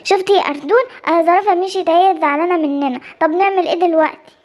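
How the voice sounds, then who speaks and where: A woman voicing a timid young cub boy in an Egyptian Arabic cartoon, with a squeaky, rushed voice. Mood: worried. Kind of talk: cartoon voice acting.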